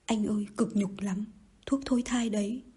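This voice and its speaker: Woman reading pleading young girl, begging, soft breathy tone. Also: on the high side, fairly even intonation, normal speed. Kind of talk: audiobook reading.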